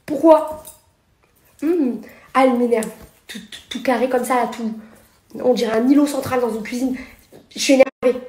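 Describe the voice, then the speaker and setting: A young woman with a high voice vents into her phone at arm's length, sarcastic, indignant and firing off one jab after another. The room around her rings with a noticeable echo, like a bare apartment. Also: warm tone. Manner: indignant, sarcastic, rapid-fire. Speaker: reality TV personality and influencer. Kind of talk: social media story rant. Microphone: phone held at arm's length.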